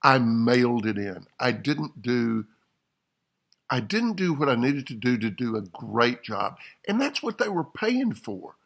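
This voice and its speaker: A man's voice: medium pitch, sing-song, unhurried, creaky, fairly bright tone. A man, a professional speaker, talking candidly to camera about a lesson learned. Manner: earnest, candid, upbeat sign-off. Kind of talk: reflective talk to camera.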